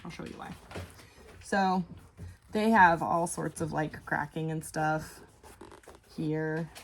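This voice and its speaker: A woman's voice: deep voice, steady tone, slow, a little hiss or hum. A woman in her forties chatting casually at home while packing orders, rambling and often trailing off mid-thought. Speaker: online clothing reseller.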